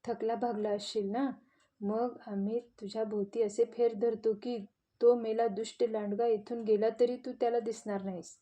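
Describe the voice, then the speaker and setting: A woman's voice: on the high side, little pitch movement, moderate pace, warm tone, natural voice. A woman voicing a kindly swarm of female bees in a children's audio story, sweet and coaxing.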